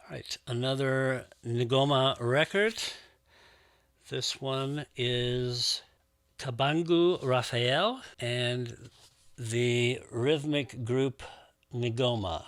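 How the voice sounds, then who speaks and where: A record collector and show host unboxes old records, musing warmly on each one in a casual, enthusiastic chat. His mid-range voice stays steady and slow, with no room sound at all.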